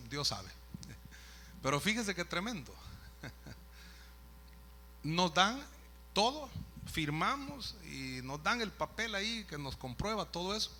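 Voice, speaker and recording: A man's voice: fairly high pitch, bright, forceful tone, a little hiss or hum. A man, a pastor telling a story in a sermon, conversational with asides to the listeners. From El Salvador. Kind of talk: sermon testimony.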